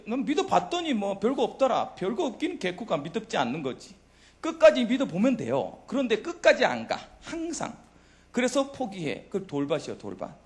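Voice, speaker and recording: A middle-aged man preaching a youth worship sermon, who keeps asking the congregation questions and answering them himself. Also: high voice. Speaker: pastor.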